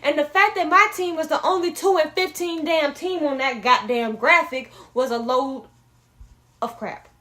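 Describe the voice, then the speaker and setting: Young woman sports host, fairly high voice, blunt and opinionated, casual and swearing. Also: normal speed, sharp tone.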